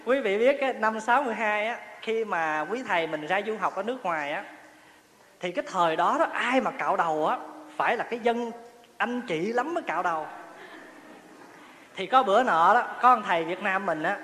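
Fairly quick and animated, a male monk with a high, bright, forceful voice gives a humorous, chatty dharma talk, laughing often and putting questions to his audience. It was recorded in a hall with long reverb and faint ambience.

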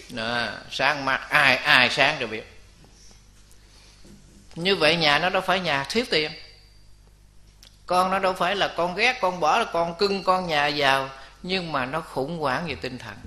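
A man giving a Buddhist sermon, telling stories and voicing the people in them, his pitch rising on key points. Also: pushed and bright. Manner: storytelling, acts out voices of people in the stories. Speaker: Buddhist monk. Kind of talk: Buddhist dharma talk with stories.

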